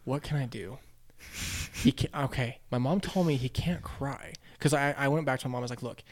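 A young man, a podcast guest, telling animated stories in casual chat, acting out quotes and laughing often. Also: medium pitch, a little fast.

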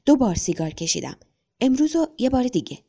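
A woman's voice: big pitch swings, vocal fry, slightly rough, heavily acted. Woman doing a timid little boy. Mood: timid, defensive. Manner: high, soft, childlike pleading. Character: small delicate boy, timid and sweet.

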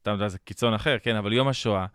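A man's voice: fairly low pitch, a bit bright, clear, resonant tone, dry recording, clean studio sound. A man with an Israeli accent chats casually, reasoning things out with examples and rhetorical questions. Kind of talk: casual conversation.

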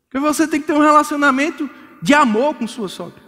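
A pastor preaches in a high, forceful voice, joking and playing out couples' squabbles. His words ring through a large hall with long reverb. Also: quick pace. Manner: lively, jokes and acts out couples' quarrels. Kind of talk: sermon.

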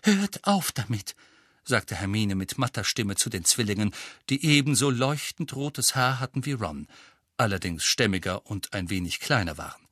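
Expressive man narrating an audiobook. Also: on the low side, moderate pace, no room sound, studio quality. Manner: expressive, vivid. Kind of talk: scripted narration.

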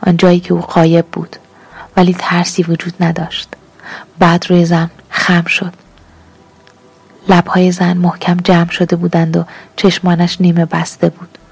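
A woman reading literary fiction aloud as an audiobook narrator, calm and measured, at times half-whispered. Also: fairly low pitch, breathy edge.

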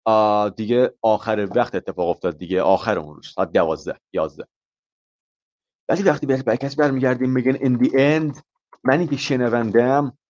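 A man's voice: mid-range voice, darkish tone, muffled recording. A man teaching an IELTS lesson in a live stream, explaining patiently with examples and switching between two languages. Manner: explains patiently with examples, mixing Persian and English. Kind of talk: live online English lesson.

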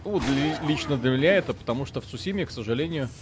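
A man co-hosting a live gaming stream, chatty and excitable, rambling with fillers as he talks. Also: medium pitch, racing. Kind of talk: casual live stream chat.

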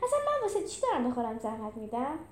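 A woman plays a bossy young male animal hero who speaks bluntly and impatiently. His voice is high and lively, in an echoey room.

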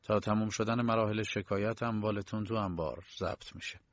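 A smug, officious low-ranking guard lays down orders in a low, clipped murmur, as a man puts him on. He sounds dull and lo-fi on the track. The sound stays dry and close. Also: steady tone, dry recording, close to an everyday voice.

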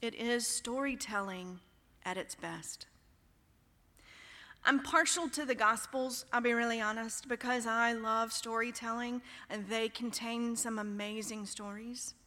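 Woman, sermon, expressive, bright, echoing sanctuary. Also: on the high side, a little slow. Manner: expressive, shifts tone for emphasis. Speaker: preacher. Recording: long hall reverb.

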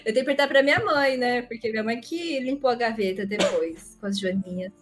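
A woman's voice: fairly high pitch, fairly quick, soft background music. A young woman from Brazil with a Brazilian Portuguese accent, telling stories casually in a rambling, playful, giggly way. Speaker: livestream guest storyteller. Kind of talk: casual storytelling chat.

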